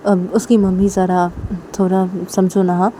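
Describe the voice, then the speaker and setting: Calm father, soothing tone, woman voicing; faint hiss. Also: medium pitch, moderate pace, natural voice. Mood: placating. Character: calm, conciliatory middle-aged father.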